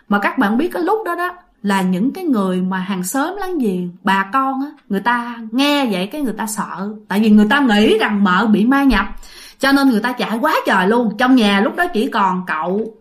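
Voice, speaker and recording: A fairly high-voiced woman tells a ghost story. She talks in a loose, chatty way, full of fillers, and keeps addressing her listeners directly. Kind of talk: spoken ghost story telling.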